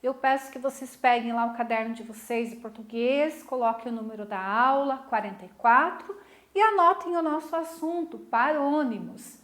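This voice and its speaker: Her voice is a little high and reverberant, moving at a normal speed, as this middle-aged teacher leads a recorded online lesson. She keeps things warm and lively, posing questions and tagging "né?" to check on her students frequently.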